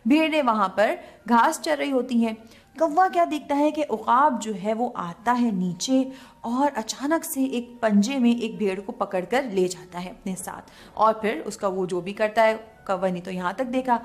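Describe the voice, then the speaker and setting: A woman narrating a children's fable, ending with a gentle moral for kids. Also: a little high, a little slow. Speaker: storyteller.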